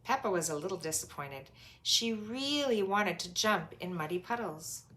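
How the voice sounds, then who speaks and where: Lively, bright-voiced woman reading to children. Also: lowish voice. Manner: animated, emphatic, drawn-out words for young listeners. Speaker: storyteller reading a children's book aloud. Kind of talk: expressive children's read-aloud with asides.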